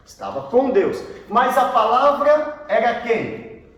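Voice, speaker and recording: A man's voice: very high-pitched, sing-song, slow pace, a bit bright. A Brazilian man, a pastor, teaching a Bible class and quizzing his students, often repeating their answers back to them. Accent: Brazilian Portuguese. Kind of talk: classroom theology lesson. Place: large echoey room with students, from far off. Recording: echoey room, voice from far off, faint noise.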